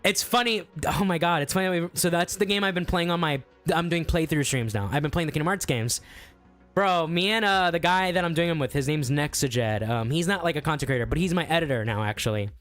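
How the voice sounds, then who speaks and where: A fairly high-voiced young man talking in loose, excitable chat, cursing casually and breaking into laughter. Faint music plays under his voice. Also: fairly quick. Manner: excitable, swears freely, laughs often. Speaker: guest musician and streamer.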